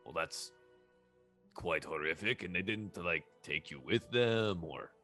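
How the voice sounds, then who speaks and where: Man, tabletop player, low-ish pitch, bright tense voice, eager and chatty. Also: lively intonation, unhurried, soft background music. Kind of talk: tabletop game play, partly in character.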